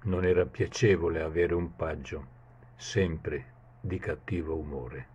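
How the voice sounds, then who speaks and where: A man reading a fable aloud in a dramatic storytelling manner, with a husky voice. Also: fairly even intonation, a little slow, a little mellow, highs cut off, a little hiss or hum. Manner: dramatic storytelling, shifts pitch for characters.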